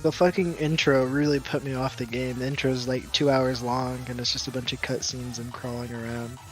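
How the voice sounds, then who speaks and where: A man's voice: mid-range voice, level tone, normal speed, faint music behind, low-quality recording. A man chatting casually over a voice call, teasing and opinionated.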